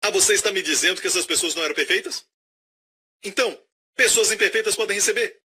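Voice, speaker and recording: A man preaching a sermon, animated and questioning his audience. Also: sits high, quick pace, slightly rough.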